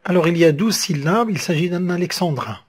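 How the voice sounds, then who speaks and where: A teacher, giving a slow, step-by-step French verse lesson and spelling out syllables one by one. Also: medium pitch, expressive, husky.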